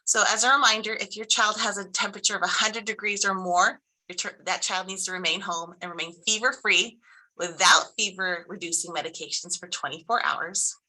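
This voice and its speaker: A woman's voice: medium pitch, fairly even intonation, brisk, pushed and bright, poor audio. A woman school principal giving an upbeat, informative presentation to parents, reading from slides with small restarts.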